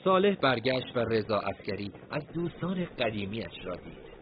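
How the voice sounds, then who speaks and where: A man narrating an audiobook story in a steady, measured way. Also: mid-range voice, muffled recording, a little hiss or hum.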